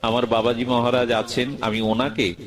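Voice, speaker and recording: A man telling a devotional story as a sermon at an outdoor gathering, dramatic and animated. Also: mid-range voice, normal speed, low-quality recording. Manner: dramatic storytelling with acted voices.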